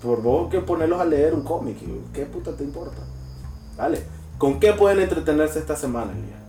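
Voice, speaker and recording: A young man co-hosts a podcast, talking crudely and sarcastically with lively mock voices. His voice sits a little high. He sounds set back from the mic in an echoey room with faint music underneath. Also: a little fast, far from the mic. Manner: crude, sarcastic and animated, slips into mocking voices. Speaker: podcast co-host. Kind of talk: casual podcast chat.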